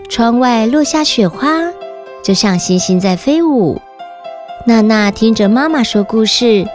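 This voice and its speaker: A woman's voice: on the high side, a little mellow. A woman with a Taiwanese Mandarin accent telling stories to children as a kids show host, speaking directly to little listeners. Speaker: children's story podcast host and narrator. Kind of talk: storytelling narration for children.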